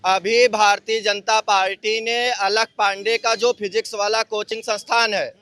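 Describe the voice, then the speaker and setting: Indignant man, bright high voice. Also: level tone, normal speed, no room sound. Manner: indignant, repeats his questions insistently. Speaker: member of the public giving his view. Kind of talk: heated street interview.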